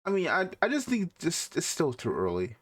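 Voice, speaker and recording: A man's voice: on the high side, wildly swooping pitch, normal speed, fairly bright tone, breathy edge. A man co-hosting a casual podcast chat, teasing and incredulous as he talks. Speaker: podcast co-host.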